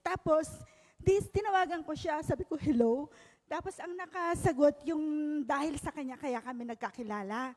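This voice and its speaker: A woman in her fifties from Pangasinan in the Philippines, telling a personal testimony with lively storytelling and acted-out dialogue. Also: high voice, moderate pace. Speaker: testimony giver at a prayer meeting. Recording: long reverb in a large hall.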